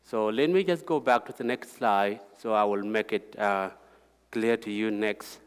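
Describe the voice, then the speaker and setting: A man's voice: lowish voice, clear, resonant tone. Man speaking in an echoing hall. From South Sudan. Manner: halting, repeats words, plain heartfelt. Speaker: guest speaker. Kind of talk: personal testimony talk with slides. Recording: hall reverb.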